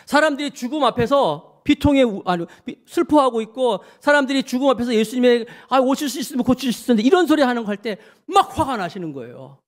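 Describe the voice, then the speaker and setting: Lively high-pitched man preaching. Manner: animated, asks the congregation questions; acts out people's words in quotes. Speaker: pastor. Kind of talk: sermon.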